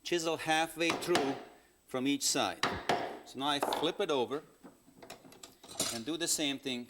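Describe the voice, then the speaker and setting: A man's voice: fairly high pitch, a little slow, very noisy. A man patiently demonstrating woodworking step by step, speaking plain English with non-native phrasing, heard from a worn videotape copy. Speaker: woodworking instructor.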